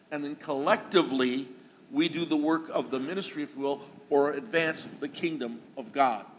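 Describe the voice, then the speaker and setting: A middle-aged pastor with a mid-range, slightly bright voice preaches a sermon to his congregation in the church sanctuary. His style is conversational and folksy, full of asides and small jokes, with long church-hall reverb and faint noise in the recording.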